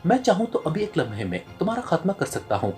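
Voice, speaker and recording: A man's voice: on the high side, huge pitch swings, quick pace, a little mellow, soft background music. A man voicing a scornful male secret service chief in an audio novel. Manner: scornful, astonished.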